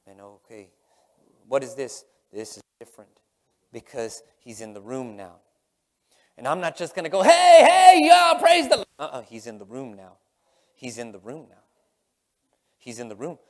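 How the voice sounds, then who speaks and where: A middle-aged man preaches a sermon from the stage of a large church sanctuary, his medium-pitched voice swooping wildly as he swings between loud exclamations and hushed murmurs. He speaks at a moderate pace with frequent pauses, emphatic and repetitive, and the hall's long reverb trails after his words.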